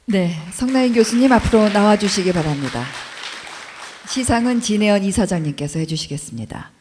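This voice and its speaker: A woman emceeing an award ceremony, making polite, measured announcements and reading a citation. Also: mid-range voice, animated, darkish tone, slight background noise.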